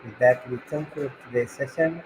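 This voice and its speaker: A man speaks as the host of an online session over a clearly hissy recording. His pitch sits in the middle, and his delivery is courteous and halting, broken by frequent hesitations. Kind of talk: unscripted, courteous closing remarks. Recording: hissy, clearly noisy background.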